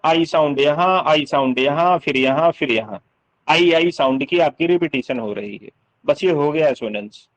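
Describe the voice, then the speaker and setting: A man teaching English literature terms in casual speech, explaining slowly, repeating sounds and often checking that students follow. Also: fairly high pitch, poor audio.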